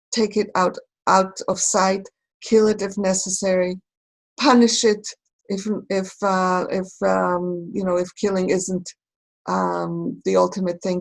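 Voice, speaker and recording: Thoughtful halting woman from Israel. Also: mid-range voice, creaky, a little mellow, low-quality recording. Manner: thoughtful, halting, searching for words. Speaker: speaker in a recorded conversation. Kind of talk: reflective talk.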